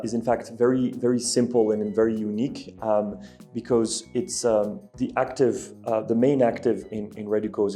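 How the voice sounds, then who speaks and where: A Belgian man with a lowish, mellow voice answers interview questions as a guest, an executive at an ingredient company. He sounds hesitant, with many ums and restarts.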